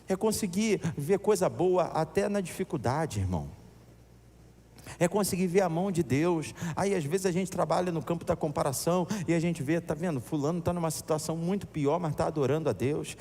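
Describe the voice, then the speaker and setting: Give me a man preaching in a church, animated and expressive, with a long hall echo. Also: fairly high pitch. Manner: animated, acts out voices in anecdotes. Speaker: pastor. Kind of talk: storytelling sermon.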